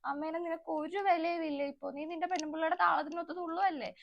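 A woman's voice: very high voice, fairly even intonation, fast, lo-fi sound. A woman voicing a self-pitying, nagging older mother-in-law who complains and accuses, in a comedic family skit. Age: 60s. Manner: whiny, accusing, theatrical complaining.

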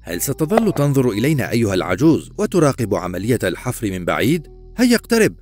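A man voicing a hot-tempered, fearless male knight who speaks in loud, angry bursts. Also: fairly low pitch, very animated, fast, soft background music. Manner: angry, shouting in defiance.

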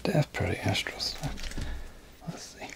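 A man's voice: normal speed, in a whisper. A man hosting a casual workshop vlog, rambling in a folksy, joking way to his viewers. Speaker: craft channel host. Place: indoor workshop.

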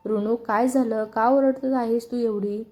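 A woman voicing a polite young wife who gently tries to calm a quarrel in a storybook reading. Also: on the high side, measured pace, close to an everyday voice. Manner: gentle, soothing.

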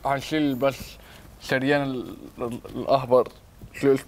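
A man's voice: mid-range voice, level tone, moderate pace, background noise, close to an everyday voice. A man with a Lebanese accent acting a boastful, bumbling self-defense coach in a comedy sketch, tossing English words into his speech. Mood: cocky.

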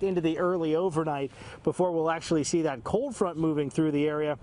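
Male TV meteorologist, thirties, slightly high voice, conversational live forecast delivery. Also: darkish tone. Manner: conversational, fluent broadcast delivery. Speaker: television meteorologist. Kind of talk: live weather forecast presenting. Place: outdoors in a city park.

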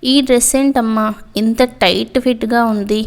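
A woman reader puts on mocking young male college seniors in a spoken story. They tease and scold in a voice that stays a little high. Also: fairly even intonation, normal speed, lightly acted. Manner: teasing, scolding.

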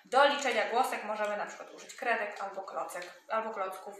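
Bright-voiced woman teaching preschoolers. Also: medium pitch, reverberant, a little hiss or hum. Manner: sounds out words slowly, sound by sound; encouraging, asks children questions. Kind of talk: children's phonics lesson.

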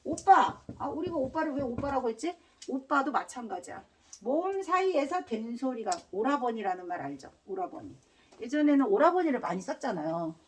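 A Korean language teacher with a high-pitched, lively, swooping voice lectures her class, drilling students with rapid repeated questions and tossing in casual slang between points. She sounds slightly distant from the microphone.

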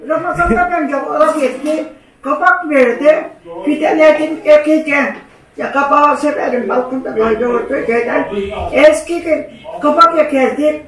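A woman's voice: sits high, normal speed, fairly bright tone. An older woman, rambling homespun stories in casual family chat. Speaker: mother-in-law. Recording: echoey room, distant mic, voices around.

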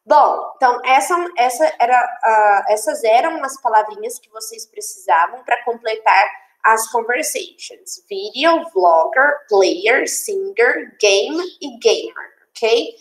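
A woman with a Brazilian accent, teaching English to children in an online class and explaining each line in Portuguese in a lively way. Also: a little high, takes it slowly. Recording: echoey room.

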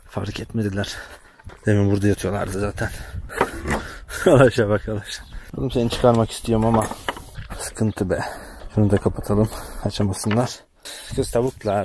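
A man from Turkey with a fairly low voice, filming himself outdoors on his village farm. He chats casually to viewers and talks fondly to his animals. Faint animal sounds and light noise sit behind him. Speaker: village farmer vlogger. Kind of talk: casual vlog narration.

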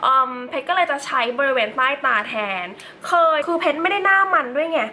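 A young woman talks through a makeup tutorial in a loose, chatty way, tossing playful asides to her viewers. Her voice is bright and forward, sitting a little high. Faint room noise hums behind her. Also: fairly quick, rough recording. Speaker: beauty vlogger. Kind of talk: casual makeup tutorial chat.

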